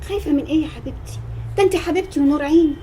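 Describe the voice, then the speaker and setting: A woman's voice: high voice, very fast, dark tone, slight background noise, natural voice. An actress playing an affectionate but firm older grandmother talking with her granddaughter.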